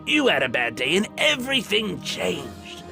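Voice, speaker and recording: A man's voice: high-pitched, wildly swooping pitch, a little slow, gravelly, full character voice. The Joker, wildly swooping gleeful madman. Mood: quietly menacing. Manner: theatrical, swooping from hushed menace to manic shrieks. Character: gleefully mad theatrical male villain, taunting and bitter. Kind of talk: dramatic villain monologue. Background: music.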